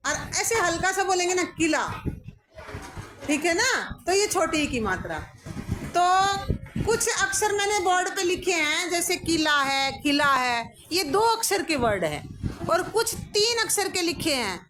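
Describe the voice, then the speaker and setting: High-voiced woman teaching a class. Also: sing-song, unhurried. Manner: instructive, calls on pupils, praises and corrects. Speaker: schoolteacher. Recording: echoey classroom with music over it.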